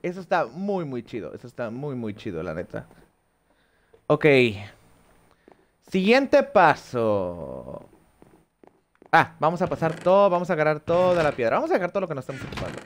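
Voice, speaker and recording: A young streamer with a Mexican Spanish accent plays a game at home in a small room, using a headset and chatting informally with viewers as he thinks aloud and swears lightly. His voice runs on the high side with huge pitch swings, a moderate pace and long pauses.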